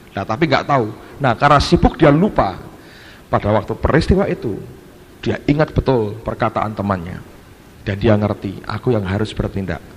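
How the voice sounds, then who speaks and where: A male pastor telling a story in a sermon, animated and acting out quoted voices. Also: mid-range voice. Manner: animated, switches into quoted voices, addresses the congregation as "saudara". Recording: echoey hall with faint background noise.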